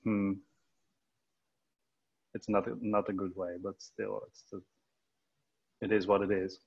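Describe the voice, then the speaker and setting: A man's voice: lowish voice, little pitch movement, unhurried, creaky. Man in casual chat on a lo-fi headset. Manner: hesitant, restarts with fillers. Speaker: photographer. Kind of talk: casual chat over a video call.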